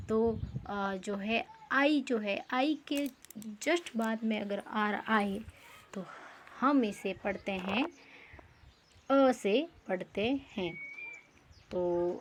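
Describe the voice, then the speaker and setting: A woman's voice: mid-range voice, fairly bright tone, slight background noise. A woman teaching English pronunciation rules, repeating each rule and asking the class questions.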